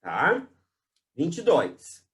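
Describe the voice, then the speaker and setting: A teacher with a Brazilian accent runs an exam-prep class in a classroom with a board. The voice sits at a middle height but swings up and down a great deal. Key terms get drawn out slowly, and nearly every sentence ends in a quick tag question. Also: mid-range voice, wildly swooping pitch, slight background noise.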